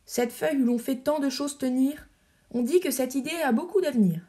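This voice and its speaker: A woman's voice: sits high, fairly quick, warm tone, pitched above the performer's own voice, natural voice. A woman reading the part of an eager, cheerful male friend in an audiobook play, chattering along.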